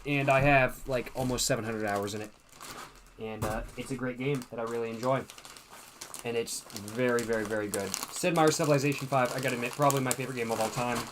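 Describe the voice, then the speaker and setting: A man's voice: medium pitch, fairly even intonation, fast, noisy background. A man in his twenties hosting a livestream, tipsy and laid-back, answering chat questions in a slangy way and repeating his phrases. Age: 20s. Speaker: livestream host. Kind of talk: casual livestream chat reading viewer questions.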